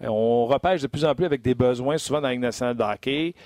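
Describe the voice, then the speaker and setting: Hosting a hockey draft talk show on sports radio, this man speaks with a Québécois French accent in a chatty style full of hesitations. His medium-pitched, slightly mellow voice moves at a quick pace, with no room sound.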